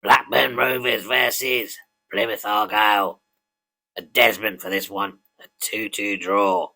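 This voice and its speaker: A synthetic male voice playing a talking dog that reads out football predictions in a flat, even way. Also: low voice, unhurried, soft background music, full character voice. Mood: matter-of-fact. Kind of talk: scripted predictions.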